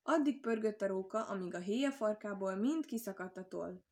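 A woman reading a children's story aloud in an expressive, lively way. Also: medium pitch.

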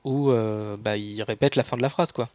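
A man's voice: fairly low pitch, fairly even intonation, moderate pace, a little mellow, no room sound. A man explaining points at length as a guest in a casual podcast chat, with hesitant fillers. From France.

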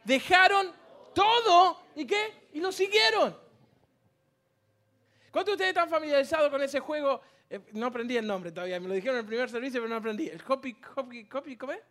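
A preacher delivering a sermon in a church with storytelling, moving between loud calls and hushed, near-whispered lines. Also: high voice, fairly quick. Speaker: guest preacher.

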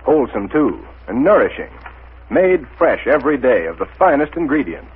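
A man's voice: mid-range voice, big pitch swings, normal speed, husky. A man speaking as an old-time radio announcer, theatrical and salesman-like, on a muffled 1930s radio recording.

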